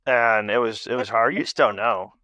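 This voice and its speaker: An American man hosts a podcast in an easygoing but argumentative way, often saying "like." His voice is bright and mid-pitched, and it is recorded close and dry with no room sound. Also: normal speed, no room sound. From United States. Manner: casual, argumentative, says "like" often. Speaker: podcast host. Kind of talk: casual interview chat.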